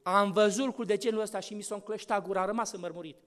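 Male preacher, sermon delivery, high-pitched, dynamic from hush to loud. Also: fairly even intonation. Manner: swings between hushed whispers and loud, rising exhortation.

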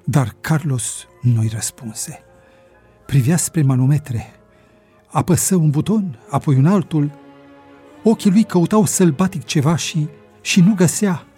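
A man narrating an adventure story in a measured, dramatic audiobook reading. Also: on the high side, lively intonation, warm tone, husky, faint music behind.

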